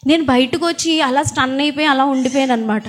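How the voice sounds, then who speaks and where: High-voiced woman preacher, soft-spoken, questions the congregation throughout the sermon. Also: quick pace. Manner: quiet, calls her own voice small. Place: church hall with fans.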